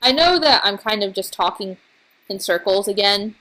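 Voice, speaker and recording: A woman casually commenting on her own gameplay, tired and recovering from being sick, rambling and halting as she trails off and restarts her thoughts. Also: mid-range voice, lively intonation, pushed and bright, low-quality recording. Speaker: let's play host.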